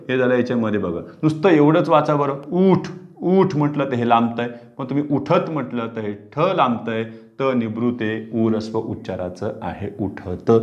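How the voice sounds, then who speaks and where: A man teaching a pronunciation lesson, repeating words aloud slowly, stretching out sounds and answering his own questions. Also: mid-range voice. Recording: slightly dull lo-fi sound.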